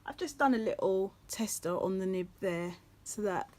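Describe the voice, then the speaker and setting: A woman's voice: mid-range voice, animated, moderate pace, a little mellow. A woman hosting a casual home craft tutorial, chatty and rambling, with many ums as she works at her craft table. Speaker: craft channel host.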